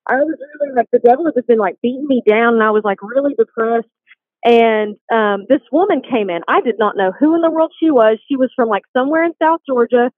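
A woman's voice: on the high side, fairly quick, no echo. A woman telling her faith story in a casual, chatty way, full of "like", as a guest on a call. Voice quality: chatty, heavy use of "like". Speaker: guest, boutique shop worker. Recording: tinny phone line, dry.

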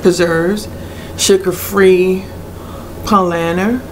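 A woman's voice: on the low side, steady tone, very slow, darkish tone. Middle-aged woman, blunt, noisy webcam. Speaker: product reviewer. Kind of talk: casual vlog review. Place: small cluttered room indoors. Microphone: webcam at arm's length. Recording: noisy webcam recording with room ambience.

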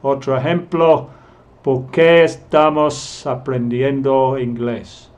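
A native English-speaking man teaching English grammar in Spanish, speaking deliberately and modeling example phrases. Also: mid-range voice, flat delivery, darkish tone. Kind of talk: grammar lesson explained in Spanish.

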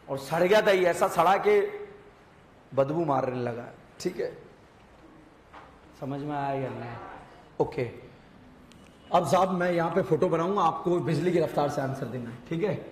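A man teaching chemistry to a class, loudly firing quick questions at the students and scolding them with teasing remarks. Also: high voice. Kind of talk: classroom lecture. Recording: echoey room with crowd noise.

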